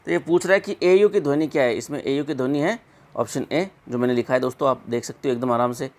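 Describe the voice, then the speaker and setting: A man teaching an exam-prep English pronunciation lesson, repeating words slowly and drawn out. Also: medium pitch.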